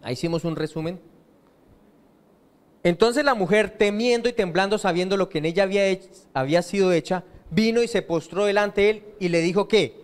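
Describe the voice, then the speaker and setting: A man's voice: high-pitched, brisk. A man preaching a sermon in a church, asking the congregation questions and answering them himself. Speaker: pastor.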